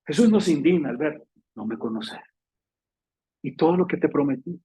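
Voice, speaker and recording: A man's voice: quick pace, husky, poor audio. A male pastor with a Salvadoran Spanish accent preaching a fervent, emotional sermon in a church, acting out quotes with sudden exclamations. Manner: animated, acts out scripture quotes with sudden high-pitched exclamations.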